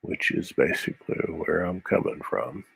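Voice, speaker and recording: A Midwestern American comic artist chats casually on a live stream as he draws, muttering to himself between strokes and drifting into rambling asides. His voice is low and creaky, a bit bright with a breathy edge, at normal speed.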